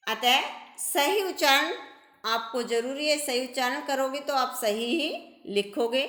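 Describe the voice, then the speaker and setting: A woman teacher giving a slow, patient grammar lesson to young children, often addressing them as her kids. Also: sits high, fairly bright tone, reverberant. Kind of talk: primary school grammar lesson.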